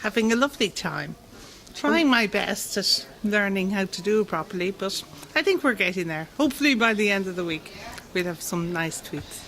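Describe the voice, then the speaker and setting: A woman's voice: mid-range voice, lively intonation, normal speed, a bit bright, poor audio. A woman chatting cheerfully and lightly in a casual interview. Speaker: volunteer at the event.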